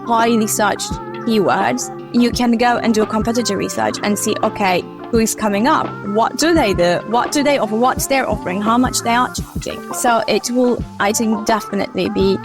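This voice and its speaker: A woman's voice: fairly high pitch, moderate pace, few pauses, over music. A woman in her thirties from Turkey, chatting easily as a guest in an interview, with many fillers. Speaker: SEO consultant guest. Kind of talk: casual interview talk.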